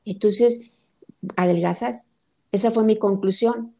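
A woman's voice: medium pitch, steady tone, slow, vocal fry, darkish tone. A woman, a therapist sharing her own story in an interview. She talks earnestly in short pieces with many fillers. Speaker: therapist guest. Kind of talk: reflective personal testimony.

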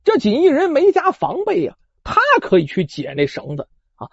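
A storyteller telling a folk tale in a traditional oral style, speaking directly to listeners with drawn-out particles, on a dull lo-fi recording. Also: medium pitch, huge pitch swings, vocal fry, darkish tone, husky, no echo.

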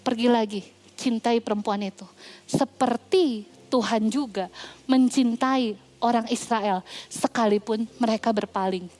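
A woman voicing God as he speaks gently and gravely to a grieving prophet during a sermon, slow, hushed and tender. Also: fairly high pitch, voice pushed down, close to an everyday voice.

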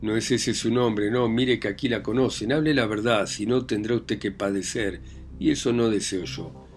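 A man's voice: fairly low pitch, moderate pace, soft background music, lightly acted. A man reading aloud plays a stern, bullying village magistrate who interrogates and barks orders. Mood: interrogating. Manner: interrogating, commanding, shouting.

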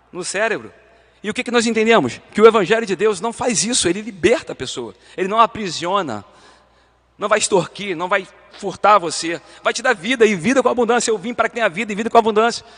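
Brazilian man, high voice, fervent Bible class teacher, church reverb. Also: fairly bright tone. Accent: Brazilian Portuguese. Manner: fervent, addresses listeners as beloved, acts out dialogues. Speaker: Sunday school teacher.

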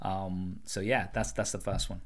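Hosting a relaxed interview chat, this content creator, probably in his twenties, speaks in a low voice with a fairly bright tone. His delivery is flat, at a moderate pace.

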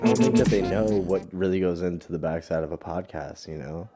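A man's voice: deep voice, steady tone, brisk, over loud music. An American man co-hosting a podcast in casual, slangy frat-bro talk with heavy swearing. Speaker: podcast host. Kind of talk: casual chat.

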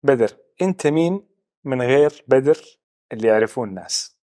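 A man hosting an interview, putting brisk questions to his guest. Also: mid-range voice, animated, mellow, no echo, studio quality. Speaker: host.

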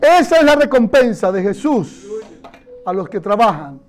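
A man with a very high voice preaches to his congregation, calling out lines for them to repeat. He speaks as their pastor, moving between teaching and rallying the room. His voice sits well above most men's. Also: moderate pace, faint music behind. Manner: animated preaching, leads congregation in call-and-response. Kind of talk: sermon.

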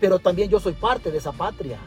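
A man's voice: high-pitched, lively intonation, brisk, soft background music. A Salvadoran man ranting passionately from his car during a livestream, repeating himself for emphasis. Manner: impassioned, repetitive, preachy. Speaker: political commentator. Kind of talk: livestream rant.

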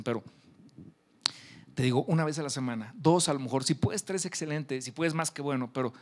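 A man, a pastor preaching a sermon, encouraging and speaking directly to the listener. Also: medium pitch.

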